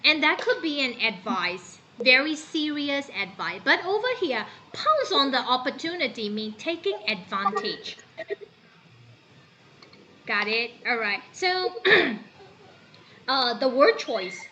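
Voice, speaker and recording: This is a woman from Myanmar teaching a lesson in a high, very expressive voice whose pitch swings widely. Her tone is bright and she keeps questioning her students. A faint background noise runs underneath. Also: slow pace, poor audio. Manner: animated, asks students questions, switches into Burmese. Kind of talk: classroom lesson.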